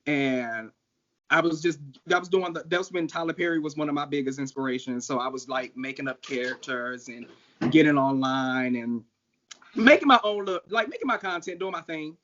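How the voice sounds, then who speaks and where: A man in his thirties from St. Louis, Missouri, a drag performer telling his story in a casual interview, animated and quick to laugh. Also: on the high side, a little hiss or hum. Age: 30s. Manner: animated, laughs often, acts out quoted voices. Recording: dull lo-fi audio.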